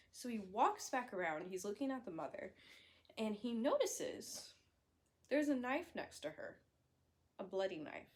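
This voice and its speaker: A young woman talks through a horror story in an easy, chatty way at a mid pitch. She corrects herself as she goes and fills gaps with likes and ums. She is blunt and swears now and then. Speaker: book reviewer. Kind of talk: casual book recap.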